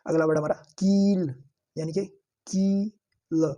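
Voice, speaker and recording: A man teaching a shorthand lesson, saying each word slowly and several times so students can repeat after him, and calling his viewers friends. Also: fairly high pitch, flat delivery, dark tone, slightly rough. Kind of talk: lesson with drilled repetition.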